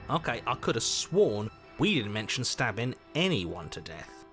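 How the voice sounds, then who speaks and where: A pompous, haughty narrator. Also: male voice, mid-range voice, very animated, a bit bright. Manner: measured, haughty, persuasive. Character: condescending, pompous male narrator. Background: game music.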